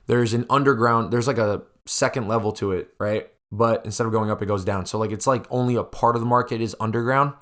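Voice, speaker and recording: A man's voice: on the low side, steady tone, a little fast, hardly any pauses, fairly bright tone. A young man hosting a podcast, telling a personal story casually to listeners, with heavy swearing and vivid exaggeration. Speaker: podcast host.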